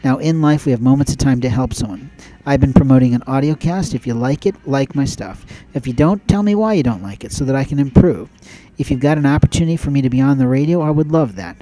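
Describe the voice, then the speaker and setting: A man's voice: mid-range voice, lively intonation, fast, warm tone, poor audio. A man hosting his own audio show, giving an emphatic, preachy monologue with lots of repeated phrases. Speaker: podcast host. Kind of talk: spoken opinion monologue.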